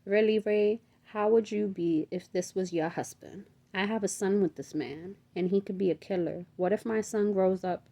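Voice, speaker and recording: A woman's voice: mid-range voice, steady tone, normal speed, hardly any pauses, mellow, close to an everyday voice. A woman reading aloud as a betrayed wife, bitter and sarcastic. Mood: upset.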